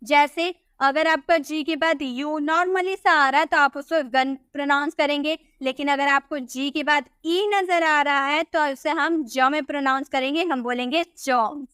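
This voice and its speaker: High-voiced woman teaching patiently. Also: a bit bright, dry recording, clean studio sound. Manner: patient, repeats words slowly with rhetorical questions. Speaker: English pronunciation teacher. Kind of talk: Hindi-language tutorial explaining rules.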